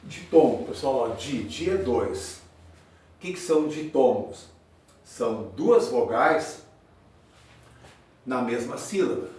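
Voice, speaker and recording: A man teaching a grammar lesson at a board, speaking slowly and repeating each example word. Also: mid-range voice, sing-song, darkish tone, far from the mic. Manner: slow, drawn-out, repeats example words. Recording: very echoey room, voice from afar.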